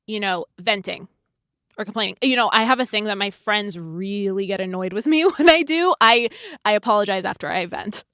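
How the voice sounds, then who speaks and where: A woman's voice: medium pitch, expressive, moderate pace, pushed and bright, dry recording, clean studio sound. A woman guest on a podcast, talking openly and reflectively in casual chat.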